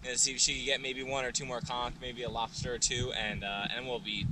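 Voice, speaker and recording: A man's voice: mid-range voice, little pitch movement, fairly quick, recorded from a distance, noisy background. A man in his thirties, slightly congested and getting over a cold, narrating a casual sailing vlog from a dinghy at sea. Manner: upbeat, laid-back. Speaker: sailing vlogger. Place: outdoors on a boat and dinghy at sea. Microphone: action camera at arm's length.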